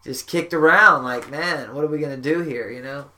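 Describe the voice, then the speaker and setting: A man's voice: a little high, normal speed, bright, forceful tone, a little hiss or hum. Rambling, profane podcast host, a man. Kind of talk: casual chat. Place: backyard shack.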